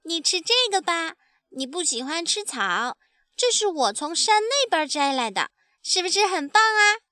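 A woman voicing a sweet, trusting baby ankylosaurus in a storybook, with a high, childlike, chirpy voice. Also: big pitch swings, moderate pace, bright, forceful tone, no room sound, studio quality, heavily acted. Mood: eager.

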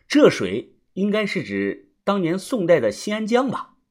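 A man's voice: sits high, a little slow. A man reading a novel aloud in the first person, colloquial and wry. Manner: colloquial and wry, with lively rises. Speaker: audiobook narrator.

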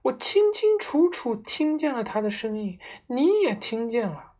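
A woman voicing a frightened mother, shrill and trembling as she talks. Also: sing-song, unhurried, mellow, husky, full character voice. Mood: panicked. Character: panicky shrill housewife and mother.

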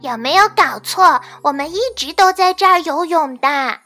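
A woman voicing a small, bold, excitable pet fish in a children's storybook reading, with a squeaky, bubbly voice. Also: normal speed, faint music behind. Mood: confident.

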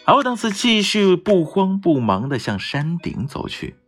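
A storyteller slowly reading a children's storybook aloud, with a gentle, breathy voice. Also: soft background music. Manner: slow, gentle, lively pitch with voiced characters.

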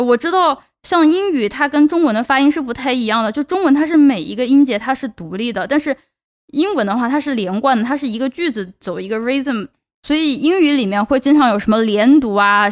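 This fairly high-voiced podcaster, a young woman from Chongqing, China, talks animatedly and fairly quickly on her casual solo show. She offers advice earnestly, repeating words for emphasis.

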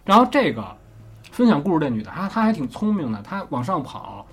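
A man's voice: on the high side, very animated, fairly quick, a bit bright, husky. A man with a Beijing accent casually telling a ghost story as host, swearing offhandedly and often checking that the listener follows.

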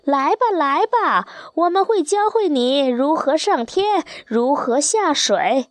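A woman's voice: sits high, lively intonation, slow, no echo, pitched above the performer's own voice. A woman voicing a teasing flock of wild geese in a storybook reading, calling out in a sing-song, mocking way. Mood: coaxing.

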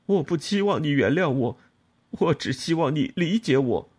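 Reading aloud, a man voices a self-pitying lover who earnestly explains and pleads. The voice stays husky and close to his own, moving at normal speed with lively rises and falls in pitch.

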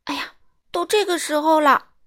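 A woman voicing a timid little man in a children's storybook, crying out in panic with loud exclamations. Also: sits high, moderate pace, pitched above the performer's own voice, close to an everyday voice. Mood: panicky. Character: timid little man who calls himself brave.

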